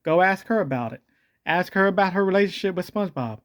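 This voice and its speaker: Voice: lively intonation, quick pace. A video host talking through a voice changer that morphs the voice, rambling jokily and correcting themselves as they go. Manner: jokey, rambling, self-correcting, pitch jumping around. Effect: voice changer that shifts and morphs the voice. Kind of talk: rambling comedic commentary.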